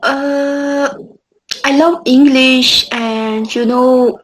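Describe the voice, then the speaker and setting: An Indian woman with a fairly high voice speaks slowly as she learns English. She answers in a hesitant, halting way, with shy pauses. She sounds like she is on a video call. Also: fairly even intonation, rough recording. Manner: hesitant, halting, laughs shyly.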